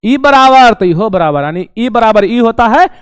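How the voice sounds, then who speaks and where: A young man teaching an online class, animated and acting out his students' questions. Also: very high voice, normal speed, clear, resonant tone, dry recording, clean studio sound.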